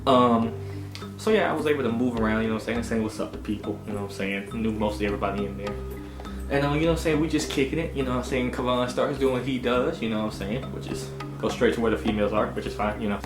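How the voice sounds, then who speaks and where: Speaking quickly in a mid-range voice, a twenties-aged vlogger from Augusta in the United States casually recounts something that happened to him. He's animated and slangy, peppering in "you know what I'm saying," with background music and room echo.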